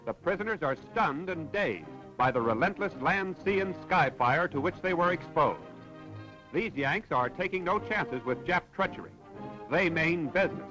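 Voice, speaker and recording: Over music, an American newsreel narrator with a fairly high, expressive voice delivers a scripted wartime report at normal speed in a declamatory, dramatic 1940s manner. The 1940s soundtrack sounds dull and very noisy.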